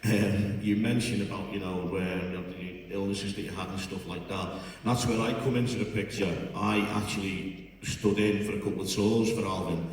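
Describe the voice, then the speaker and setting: Low-voiced male interviewer, joking and hesitant, hall echo, distant mic. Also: fairly even intonation, moderate pace. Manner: chatty, joking, hesitant fillers. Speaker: host interviewing a musician. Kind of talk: onstage interview. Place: festival hall. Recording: echoey hall, from far off.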